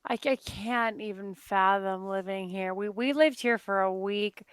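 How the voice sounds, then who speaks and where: A woman's voice: medium pitch, a little slow, clear, resonant tone, dry recording. A young woman from Phoenix, Arizona, chatting casually as co-host of a reaction show, stammering, repeating words and swearing offhandedly. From Phoenix, Arizona, United States.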